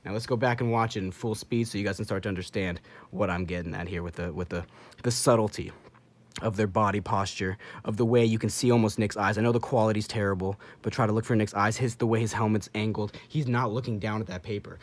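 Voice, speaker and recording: Excitable man breaking down game footage. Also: on the low side, fast talker. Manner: excitable, repeats himself, acts out quoted dialogue. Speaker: channel host. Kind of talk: casual commentary over game footage.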